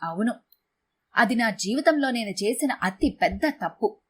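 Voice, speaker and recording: A woman storyteller voicing a regretful older father-in-law who speaks quietly. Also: a little high, animated, unhurried, a little hiss or hum.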